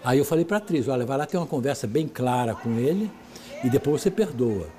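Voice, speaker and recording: A theatre director, telling stories in an interview and acting out the voices of the people in them. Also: male voice, mid-range voice, fast talker. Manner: lively, acts out the voices of people in his stories, laughs mid-sentence. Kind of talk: storytelling in an interview.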